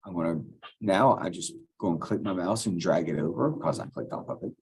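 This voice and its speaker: Sitting low and fairly quick, his voice is a little mellow and husky. The male teacher narrates a software tutorial on screen, explaining each step of a computer task casually as he clicks.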